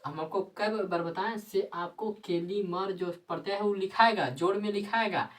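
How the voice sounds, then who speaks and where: A woman's voice: medium pitch, moderate pace, recorded from a distance. A woman teacher gives a grammar lesson. She keeps asking questions and answering them herself, with frequent tag questions.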